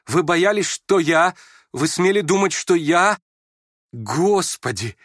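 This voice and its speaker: A man's voice: sits high, animated, takes it slowly, dry recording, clean studio sound, voice pushed up, exaggerated voice. A man reading an audiobook, voicing a proud, impulsive young woman who flares up and then turns shy. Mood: indignant. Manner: sharp, flustered, switching between scorn and shyness.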